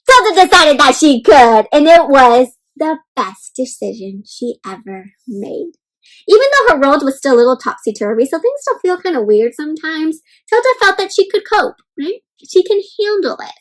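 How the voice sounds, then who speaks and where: A woman with a high, very animated voice hosts an interactive read-aloud of a children's picture book at a moderate pace. She speaks expressively and encouragingly in simple phrases, putting questions to her young listeners. The audio quality is poor.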